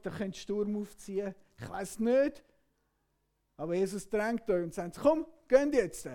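A man delivers a sermon, retelling a story as if the listeners were there. His voice sits high for a man. He swings between loud, urgent outbursts and hushed, quiet stretches. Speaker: preacher.

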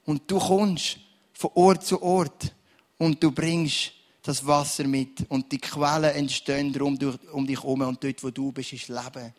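A man preaching a sermon in a church service, reading scripture slowly and moving into prayer with a soft, earnest tone. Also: mid-range voice, fairly even intonation. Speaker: pastor.

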